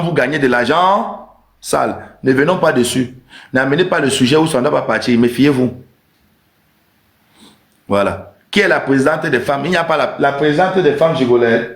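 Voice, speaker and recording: A man's voice: a little high, lively intonation, normal speed. A man hosting a live stream with an emphatic, teasing comic rant, repeating his points. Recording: roomy echo.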